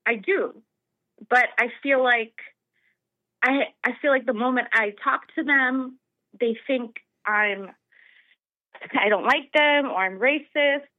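A woman's voice: high voice, no echo. An American woman calling in to a talk show, speaking in a hesitant, earnest way over the phone. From United States. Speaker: caller. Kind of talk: phone-in conversation. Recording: tinny phone line.

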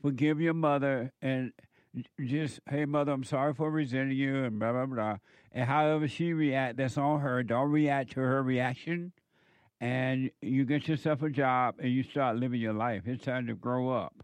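A man's voice: medium pitch, steady tone, normal speed, smooth, no echo. A man hosting an advice show, talking bluntly and directly in a casual, colloquial way.

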